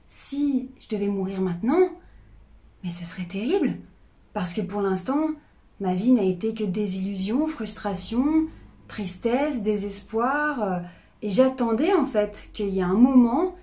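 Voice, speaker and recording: A woman in her thirties talks straight to her viewers in a loose, expressive way, with hesitations and restarts. Her pitch sits in the middle of the range. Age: 30s. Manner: candid, expressive, with fillers and restarts. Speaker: personal development YouTuber. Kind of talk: casual talk to camera.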